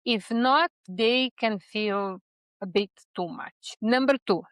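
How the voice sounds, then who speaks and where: A woman's voice: a little high, takes it slowly, a bit bright, no room sound. A young woman from Serbia giving expat life tips in a casual explainer to camera, with frequent fillers and restarts.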